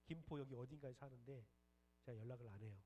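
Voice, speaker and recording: A young man preaches to a church youth service in an earnest tone, pushing up into fervent, louder emphasis on key lines. His voice sits at a middle pitch. The mic is some distance away in the church hall, and a faint hum runs underneath. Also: fast. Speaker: pastor. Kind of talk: sermon.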